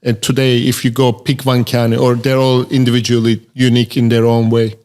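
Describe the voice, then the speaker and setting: A man's voice: mid-range voice, completely flat delivery, a little fast, darkish tone, clean tone. A man hosting a podcast, introducing his guest and asking brief, curious questions in a casual talk. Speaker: podcast host, physician. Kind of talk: casual interview conversation.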